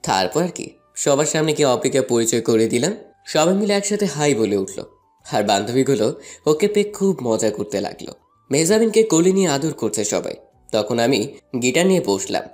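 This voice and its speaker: A man's voice: medium pitch, big pitch swings, normal speed, darkish tone, soft background music, natural voice. A young man narrating a first-person love story and voicing a playful, teasing student in an audio drama. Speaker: narrator and lead voice actor.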